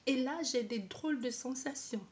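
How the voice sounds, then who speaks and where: A woman with a fairly high voice tells her own story straight to the camera. She hesitates, restarts her sentences and repeats words while she searches for how to say things. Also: moderate pace. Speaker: vlogger. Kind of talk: personal testimony to camera.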